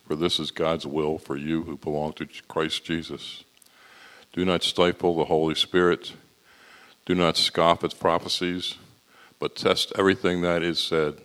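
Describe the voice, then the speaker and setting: A man reading a scripture passage aloud in a steady, measured way. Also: very deep voice. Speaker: scripture reader.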